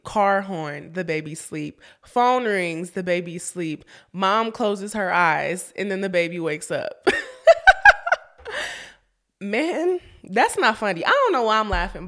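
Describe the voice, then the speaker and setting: A woman's voice: mid-range voice, a bit bright. A young woman hosting a casual podcast for moms, chatty, often laughing and calling her listeners y'all. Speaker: podcast host.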